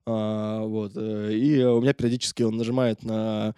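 A man's voice: fairly low pitch, flat delivery, moderate pace, mellow, clear, resonant tone, dry recording, clean studio sound. A man, a correspondent, recounting events in casual talk, hesitant with many filler sounds and restarts. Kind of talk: casual spoken recollection.

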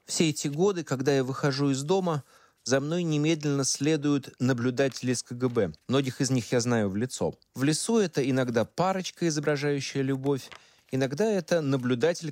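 A man calmly reading memoir passages aloud in the first person. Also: mid-range voice, a little fast, dry recording. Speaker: reader of a memoir.

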